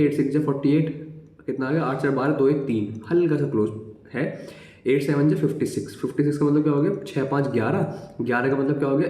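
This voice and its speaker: A male maths teacher talks through an exam-prep lesson in a relaxed, mellow voice. He counts digits aloud and keeps checking in with his students. The room around him sounds echoey. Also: mid-range voice.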